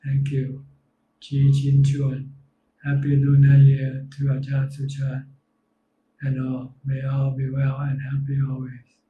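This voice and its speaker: A man with a Thai accent, a monk calmly reading out viewer comments and guiding meditation in a live Q&A. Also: medium pitch, distant mic. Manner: slow, calm, reads viewer comments aloud. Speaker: monk answering questions. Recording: dull lo-fi sound in a roomy space.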